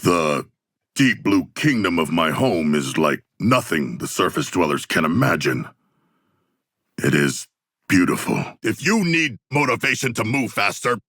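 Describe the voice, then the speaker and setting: King Shark, gravelly, earnest shark warrior. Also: low-pitched, sing-song, unhurried, fairly bright tone, no echo, clean studio sound, exaggerated voice. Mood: solemn, earnest. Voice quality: gravelly, rough. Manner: formal, grandiose, stiffly earnest diction. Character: hulking humanoid shark warrior, earnest, formal, proud and zealous. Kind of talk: video game character voice lines.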